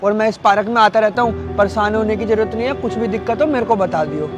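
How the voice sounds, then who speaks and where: A man's voice: high-pitched, quick pace, over music, lightly acted. A man acting as a kind passerby who stands up for a poor girl, recorded outdoors. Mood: gentle. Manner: reproachful to the mother, gentle to the child. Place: outdoors by a parking area.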